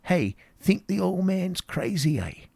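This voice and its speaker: A man playing a frantic, gravelly old drunkard. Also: sits high, big pitch swings, slow, dark tone, dry recording, full character voice. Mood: taunting. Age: older. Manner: frantic, rambling, rustic dialect. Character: wild-eyed terrified old male drunkard. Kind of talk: dramatic reading.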